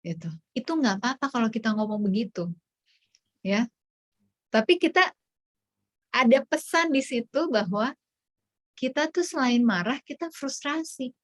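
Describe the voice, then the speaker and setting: Higher-pitched woman psychologist chatting through a parenting workshop, acts out parent lines. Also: lively intonation, a little slow, pauses often, a bit bright. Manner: explains with acted-out parent quotes, chatty. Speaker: child psychologist speaker. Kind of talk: online parenting workshop talk.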